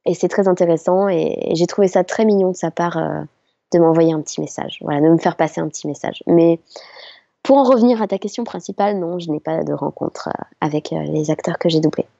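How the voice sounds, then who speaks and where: A middle-aged voice actress telling stories in an interview, chatty and hesitant with many fillers. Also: female voice, on the low side, brisk, vocal fry, dark tone, no room sound. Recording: slightly dull lo-fi sound.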